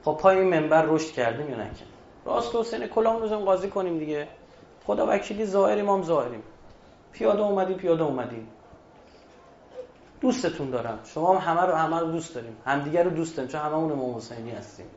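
High-voiced preacher in an echoey hall. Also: male voice, expressive, slight background noise. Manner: shifts from hushed storytelling to loud emphatic exhortation. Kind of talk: religious sermon. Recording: echoey dull hall recording.

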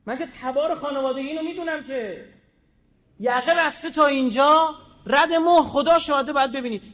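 A man giving a combative public speech, firing rhetorical questions and swinging between loud and quiet. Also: very high voice, big-room sound, lo-fi sound. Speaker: public speaker.

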